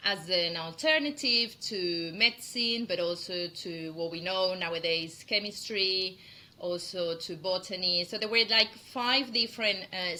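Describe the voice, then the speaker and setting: A middle-aged woman from Spain with a Spanish accent, chatting in an interview about her work as a perfume founder, laughing often and filling pauses with "um" and "uh". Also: fairly low pitch. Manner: laughs often, warm and chatty with many fillers. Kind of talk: interview conversation.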